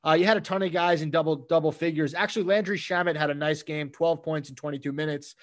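A man co-hosting a casual sports talk show, animated as he rattles off game stats and recaps plays. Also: fairly high pitch, fast. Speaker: sports podcast co-host.

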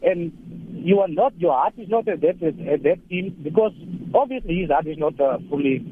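Animated male caller on a noisy phone line. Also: on the high side, normal speed. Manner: emphatic, animated, blunt opinions. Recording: tinny phone line with faint noise.

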